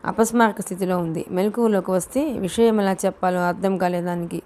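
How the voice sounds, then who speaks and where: A woman reading a novel aloud as an audiobook narrator, telling the story at a steady, even pace with small slips. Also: on the low side, fairly quick.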